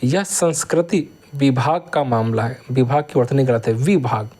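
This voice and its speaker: A man running a grammar lesson in a mid-pitched voice. He reads each example sentence aloud at a deliberate pace, then rattles off the correction and the reason for it. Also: dark tone. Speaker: teacher.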